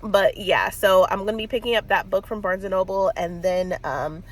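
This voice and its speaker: This book vlogger, a woman in her thirties with a cold, speaks from inside a car in a steady, mid-range voice at a moderate pace. She rambles casually, scattering fillers and little laughs throughout.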